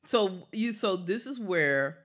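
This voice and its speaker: A film review co-host chatting casually, chiming in with quick agreements and corrections. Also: mid-range voice, animated, a bit bright. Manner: chimes in with short agreements and corrections. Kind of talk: casual chat about a film.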